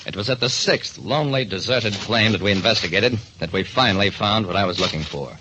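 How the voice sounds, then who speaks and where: Over a noisy background, a man with an American accent narrates as a hard-boiled detective, dramatic in the manner of old-time radio. His voice is lowish and fairly quick, and the recording sounds dull and band-limited.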